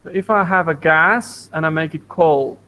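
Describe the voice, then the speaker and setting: A man's voice: on the high side, moderate pace, pushed and bright, slight background noise, low-quality recording. A man teaching a science lesson to a primary school class over an online video call, patient, repeating points and asking the class questions. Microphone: computer mic on video call.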